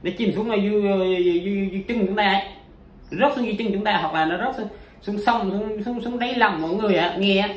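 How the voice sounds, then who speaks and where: A man's voice: high voice, fast, roomy sound. A man teaching poetry in a chatty, casual way, full of examples and fillers. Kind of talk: casual spoken lesson.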